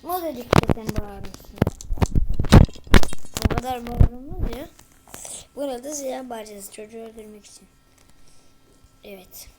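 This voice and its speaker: High-pitched woman doing jumpy let's play commentary over a noisy line. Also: moderate pace, long pauses. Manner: excitable, shouts and mutters at the game. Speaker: gamer. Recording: noisy home recording.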